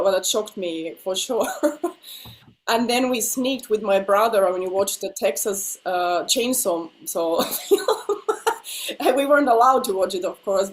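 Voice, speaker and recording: Heard through poor audio, this medium-pitched woman is a Finnish native speaker whose voice is a little nasal because she's been sick. As the singer in a video-call interview, she keeps things casual and often breaks into laughter.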